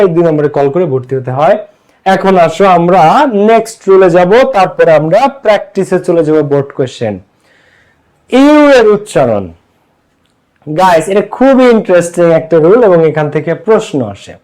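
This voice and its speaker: High-voiced Bangladeshi man teaching English. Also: a little mellow. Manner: asks the class questions and answers them himself. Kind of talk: online class lecture.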